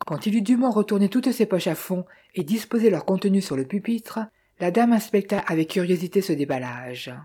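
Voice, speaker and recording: A woman reading a novel aloud as narrator, in a measured, clear way. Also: medium pitch, expressive, dark tone. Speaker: audiobook narrator. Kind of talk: scripted narration.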